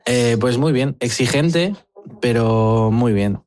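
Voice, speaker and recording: A man in his twenties on a radio panel, talking in a measured, thoughtful way about sports he did. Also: mid-range voice, a little mellow. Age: 20s. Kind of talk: radio interview chat.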